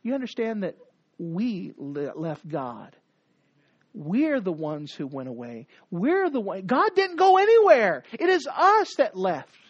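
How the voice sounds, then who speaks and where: A preacher delivering a sermon, the pitch leaping and falling with every point. The cadence is emphatic and repetitive, lurching between loud declarations and hushed lines. The sound is dry and dull, like a lo-fi recording. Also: big pitch swings, slow, breathy edge, no echo. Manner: dramatic swings from loud to hushed.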